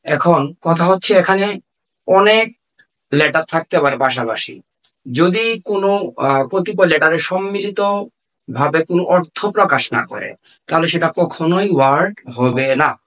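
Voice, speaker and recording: A man with a Bangladeshi Bengali accent teaching an English grammar lesson, repeating key phrases slowly with fillers. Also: on the high side, animated, fairly bright tone.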